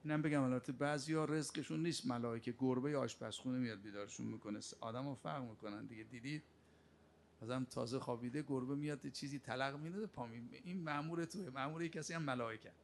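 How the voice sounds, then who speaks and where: A man delivers a sermon in a gravelly, fry-edged voice. He presses his listeners with pointed rhetorical questions and scolds them. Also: medium pitch, a little hiss or hum. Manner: rebuking, with sharp rhetorical questions. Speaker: preacher.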